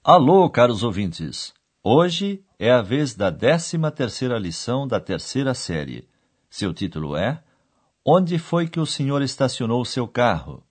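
A man hosting a radio language course, explaining clearly in a didactic, scripted narration. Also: medium pitch.

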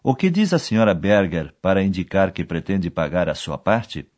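Lively low-voiced male course narrator. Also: normal speed. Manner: explains each phrase, then quotes the foreign words. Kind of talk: scripted narration.

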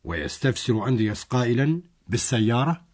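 A man's voice: medium pitch, very animated, fast, darkish tone. A man narrating a scripted language lesson, explaining a dialogue step by step.

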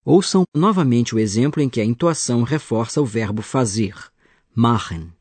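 A man's voice: medium pitch, expressive, normal speed, darkish tone, slightly rough, dry recording. A man acting as a teacher, patiently explaining grammar in a scripted radio lesson. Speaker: language teacher.

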